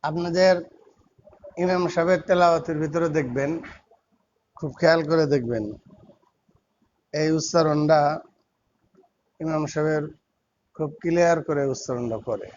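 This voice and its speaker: A man teaching Quranic pronunciation and repeating single syllables slowly, drawing out the sounds. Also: on the high side, a little mellow. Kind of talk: pronunciation lesson. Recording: dull lo-fi recording with faint background noise.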